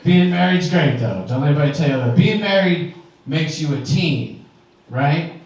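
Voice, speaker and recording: A man's voice: a little high, lively intonation, normal speed, a little mellow. A man in his forties performing a stand-up set in a wry, conversational, punchy way. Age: 40s. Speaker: stand-up comedian. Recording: very echoey room, distant mic, faint ambience.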